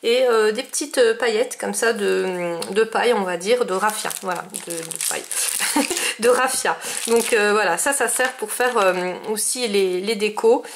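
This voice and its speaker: A woman's voice: medium pitch, unhurried, slight background noise. A woman chatting casually about the crafting mail she received, with many fillers and restarts. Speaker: scrapbooking vlogger. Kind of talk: casual chat showing mail.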